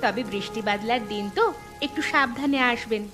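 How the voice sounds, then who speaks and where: A woman's voice: fairly high pitch, fairly quick, a bit bright, soft background music, lightly acted. A woman voicing an earnest, caring young village woman in a cartoon, with a respectful manner. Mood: caring, polite. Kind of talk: cartoon voice acting.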